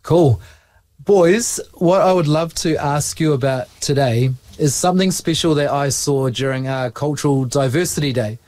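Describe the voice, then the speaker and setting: New teacher, patient questions. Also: male voice, a little high, normal speed, a little mellow, no room sound. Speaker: school teacher. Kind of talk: interviewing students. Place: school.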